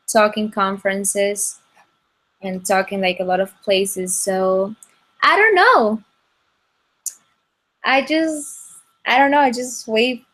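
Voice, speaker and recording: Guest: young woman, English, halting and restarting, over a video call. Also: a little high, a bit bright. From Ecuador. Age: young adult. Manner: halting, many restarts and fillers. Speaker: guest singer.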